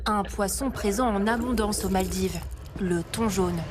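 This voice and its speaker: A woman narrating a scripted nature documentary travel report in a measured voice-over with dramatic phrasing. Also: medium pitch, background noise. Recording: voice-over mixed with prominent music. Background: music under the voice.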